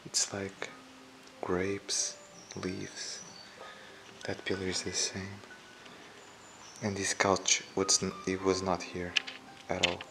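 A man quietly commenting as he explores a dark abandoned house, half-whispering at times, recorded on a handheld camera. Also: low-pitched, monotone, slow, gravelly, noisy background. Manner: hushed, half-whispered remarks. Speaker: urban explorer.

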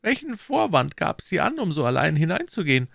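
Man voicing a scheming older cardinal, high, lively, dry close sound. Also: fairly quick, creaky, no echo, exaggerated voice. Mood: probing. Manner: sharp, probing interrogation.

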